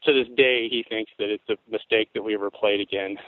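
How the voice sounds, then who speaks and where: A man in his forties from Tacoma, Washington, appears as a guest musician, casually chatting and telling meandering, easygoing stories laced with swearing. His worn, rough voice is fairly low and steady in tone, a little fast. The recording is dry, with a tinny, phone-like quality.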